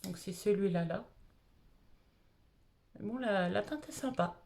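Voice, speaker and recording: Speaking a little slowly in a mid-range, slightly mellow voice, this adult beauty vlogger from France, who is married, talks through products she purchased. She's casual and muses aloud, filling gaps with many fillers.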